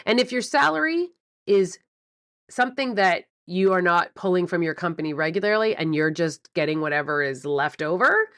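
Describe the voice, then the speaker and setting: Lady podcast host giving business advice, lowish voice, punchy and emphatic, super dry close mic. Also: moderate pace, no room sound. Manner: animated, emphatic, repeats key words for stress. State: morning voice before coffee. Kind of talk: solo podcast coaching talk.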